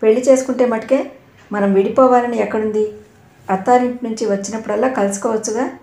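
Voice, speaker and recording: A woman's voice: a little high, steady tone, fast, creaky, warm tone. Woman reading as a teasing young lover. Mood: coaxing. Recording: roomy echo.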